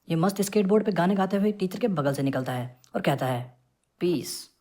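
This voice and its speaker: A woman's voice: on the low side, a little mellow. A woman narrating a comic story in a chatty, casual way, quoting the characters' lines without much change of voice. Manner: chatty, quotes characters in a mild voice.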